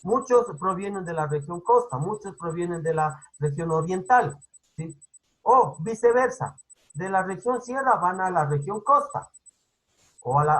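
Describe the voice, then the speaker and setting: A teacher from Ecuador speaking with a Quito highland accent, delivering an online class lecture. The voice is somewhat husky and breathy, set at a middle pitch. They explain things patiently and keep checking in with the class. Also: low-quality recording. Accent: Quito highland Spanish.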